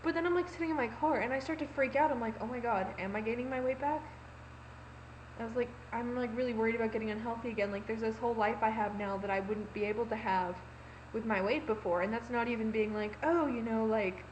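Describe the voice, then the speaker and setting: A woman's voice: fairly high pitch, steady tone, quick pace, slight background noise, poor audio. Chatty young woman vlogging at home. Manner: chatty, rambling, lots of fillers and quoted dialogue. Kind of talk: casual confessional vlog. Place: home room, laptop recording. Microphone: laptop webcam mic.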